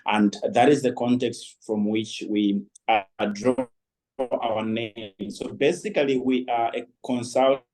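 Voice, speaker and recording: A man's voice: medium pitch, fairly even intonation, measured pace, a little mellow, low-quality recording. A man speaking as a guest on a leadership panel, reflective and talking with many fillers. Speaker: guest speaker, company founder. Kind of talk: panel discussion.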